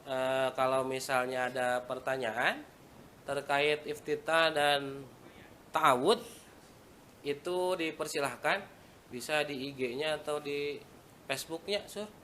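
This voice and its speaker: A man's voice: on the high side, fairly even intonation, takes it slowly, pauses often, a bit bright, a little hiss or hum. A man with a Sundanese accent giving a casual religious lesson, talking conversationally and reciting Arabic phrases. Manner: conversational, mixing in local words and Arabic recitation. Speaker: Islamic religious teacher.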